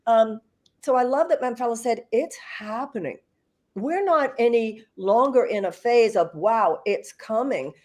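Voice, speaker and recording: An older woman from the United States, slightly high-voiced and a little mellow, speaks unhurriedly on a video call. She's a guest on an online panel, reflecting earnestly while frequently pausing with fillers and starting over.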